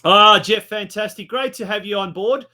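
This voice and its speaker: Male sports show host, high voice, upbeat, stop-start casual presenting. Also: normal speed, bright, forceful tone.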